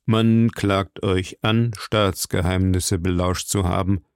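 A man voicing a powerful, scheming old cardinal who speaks slowly and probingly. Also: sits low, fairly even intonation, smooth, no echo, studio quality. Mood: stern. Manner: slow, measured, probing.

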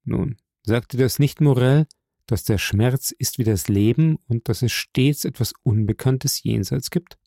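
A man voicing a solemn, fatherly nobleman who speaks slowly and gravely. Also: mid-range voice, warm tone, no room sound, clean studio sound. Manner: slow, grave and measured.

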